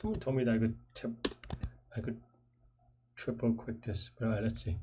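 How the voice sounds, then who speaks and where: Man, mid-pitched, hesitant think-aloud coding commentary, faint noise, keyboard clicks. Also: fairly even intonation, brisk, dark tone. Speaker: programmer host live-solving a puzzle.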